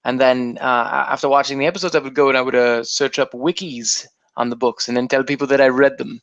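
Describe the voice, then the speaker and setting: A man's voice: medium pitch, fairly even intonation, quick pace, a bit bright, no echo. A man co-hosting a casual podcast chat, joking and mocking his co-host. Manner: joking, mocking, slips into silly put-on voices. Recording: dull lo-fi sound, dry.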